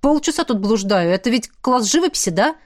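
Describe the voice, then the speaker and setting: Brief: a woman playing an easygoing young male warlock, friendly and relaxed, storybook style. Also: a little high, brisk, lightly acted.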